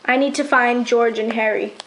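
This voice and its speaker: A woman's voice: on the high side, fairly even intonation, moderate pace, a bit bright, a little hiss or hum. A woman voicing a caring, brave father mouse in a storybook reading. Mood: reassuring. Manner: earnest calling.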